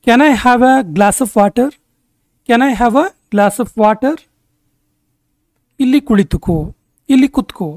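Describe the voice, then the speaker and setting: A man teaching spoken English, saying each short sentence twice in a slow, deliberate way. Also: very high-pitched, darkish tone, no room sound, clean studio sound. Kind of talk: spoken language lesson.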